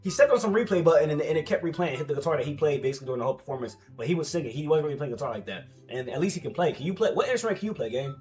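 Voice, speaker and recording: A young American man reacts to online posts in a slightly high voice, talking very quickly. His delivery is casual and slangy, argumentative and repetitive, as he keeps pressing his point. Music plays behind him. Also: animated, a little mellow. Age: young adult. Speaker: commentator reacting to social media posts.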